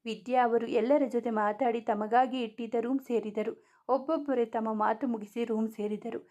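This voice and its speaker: Brief: woman storyteller, steady and even, fairly high voice, reading a serial romance.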